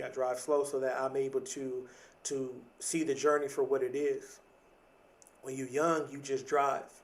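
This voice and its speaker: A podcast host in his late thirties, with a mid-range voice, delivers a casual motivational monologue. He's reflective and conversational, repeating phrases to drive his points home.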